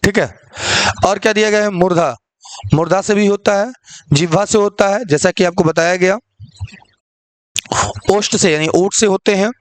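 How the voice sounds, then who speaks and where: High-voiced male teacher lecturing. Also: normal speed, pauses often, no echo. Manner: asks the class questions and answers them himself; repeats "ठीक है" often. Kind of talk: online exam-prep lecture.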